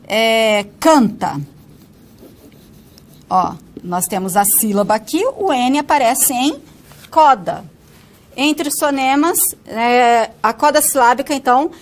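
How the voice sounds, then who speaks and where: A woman with a northern Paraná Brazilian accent giving a recorded phonetics lecture, explaining step by step and often checking in with tag questions. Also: sits high. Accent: Brazilian Portuguese, northern Paraná. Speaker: phonetics teacher.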